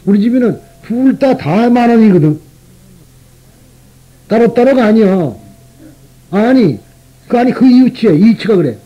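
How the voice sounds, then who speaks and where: A man's voice: extremely high pitch, expressive, unhurried, pauses often, warm tone, dull audio. A Buddhist monk from the region, preaching in a conversational way and often tossing rhetorical questions at his listeners. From Gyeongsang region, Korea. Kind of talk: sermon.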